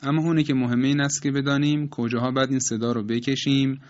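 A man calmly explaining Quran recitation rules step by step, reciting each example slowly and repeating it. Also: medium pitch, muffled recording.

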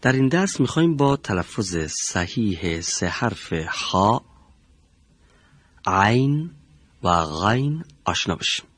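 A middle-aged man teaching a pronunciation lesson in a studio, speaking slowly, formally and deliberately. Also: fairly low pitch, sing-song, a bit bright, husky, no echo.

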